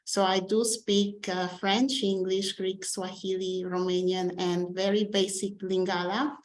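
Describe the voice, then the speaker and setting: A woman speaks as a panel presenter in a polite, measured way, her voice sitting in a middle range. The sound is roomy and echoey, picked up over a video call. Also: medium pitch, level tone. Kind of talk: webinar presentation. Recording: roomy echo.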